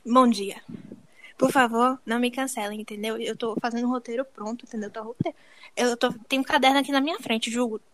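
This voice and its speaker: A woman's voice: fairly high pitch, fairly even intonation, fast talker, no room sound, rough recording. A young woman from Brazil hosting a podcast, joking and telling stories in a playful, self-mocking way. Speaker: podcast host.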